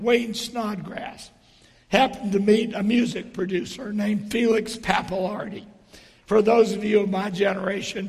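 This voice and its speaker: A middle-aged or older man giving a sermon in a hoarse stage whisper, his voice almost gone, speaking deliberately with pauses between phrases. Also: high voice, a little mellow. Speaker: preacher. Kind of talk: sermon with storytelling and dry humour. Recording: reverberant hall.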